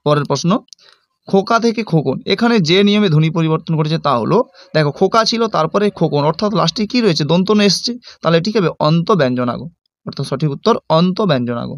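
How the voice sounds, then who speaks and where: Quick-talking Bengali man teaching a lesson. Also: fairly high pitch, animated, dry recording, studio quality. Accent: Bengali (West Bengal). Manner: reads questions then explains answers, addressing students. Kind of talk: exam-prep lesson.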